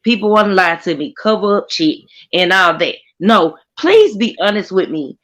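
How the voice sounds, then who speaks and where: A woman's voice: medium pitch, very animated, normal speed, a bit bright, poor audio. A woman in her forties talking openly and earnestly on a group stream, repeating herself as she explains her struggles. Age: 40s. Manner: earnest, repeats herself, opens up about hardship. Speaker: guest caller on a group stream. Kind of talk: emotional casual chat.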